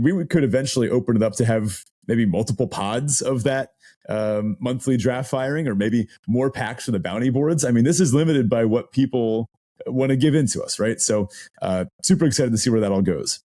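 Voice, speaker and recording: A man co-hosting a casual podcast, still a little hoarse from losing his voice, talking with chatty enthusiasm and frequent laughs. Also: medium pitch, warm tone. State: hoarse, voice not fully recovered. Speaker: podcast co-host.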